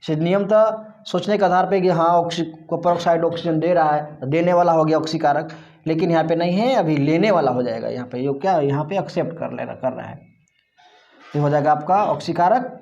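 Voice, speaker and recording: A man's voice: fairly high pitch, a little fast, gravelly, a little mellow, lo-fi sound. A male teacher giving a classroom chemistry lesson, putting questions to the class and answering them himself, repeating the key terms.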